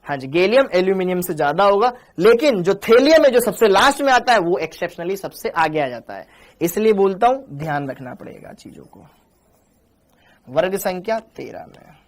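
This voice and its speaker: A man's voice: high-pitched, sing-song, moderate pace. A man teaching a live online chemistry class, coaxing and teasing his students as he reads their chat messages.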